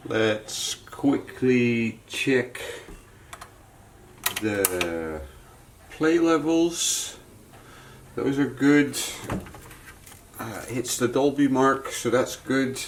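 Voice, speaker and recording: Extremely slow and pausing often, a medium-pitched repair technician thinks aloud while demonstrating a fix for his channel. The demo is casual and unscripted, full of muttering to himself, with slight background noise.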